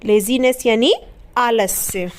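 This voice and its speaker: A woman's voice: fairly high pitch, slow pace, clear, resonant tone. A woman teaching English vocabulary. She spells out each word letter by letter, repeats it and asks quiz questions as she explains its meaning. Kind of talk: slow spelling-and-meaning lesson.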